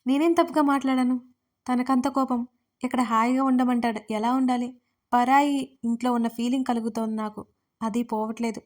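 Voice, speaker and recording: A woman narrating a romance story in first person, in a lively, emotional storytelling manner with acted dialogue. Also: on the high side, normal speed. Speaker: writer and narrator of audio stories.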